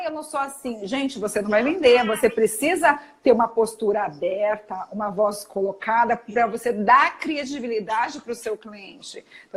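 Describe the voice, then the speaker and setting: A woman with a Brazilian accent, a doctor giving an animated, emphatic live talk. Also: a little high, breathy edge, low-quality recording. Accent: Brazilian Portuguese. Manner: energetic, emphatic, demonstrates tones of voice. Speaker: guest speaker, doctor.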